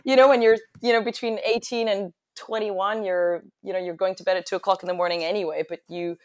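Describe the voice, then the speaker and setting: A woman's voice: medium pitch, steady tone, a little fast, darkish tone. A young adult woman from France with an American accent, chatting casually as an interview guest, with lots of fillers and restarts. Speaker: guest, hospitality business owner.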